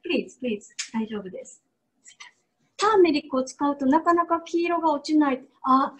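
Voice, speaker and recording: A woman with an Osaka accent, interpreting in a lively, casual way and switching between Japanese and simple English. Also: high-pitched, normal speed. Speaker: interpreter and co-host. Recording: noticeable background noise.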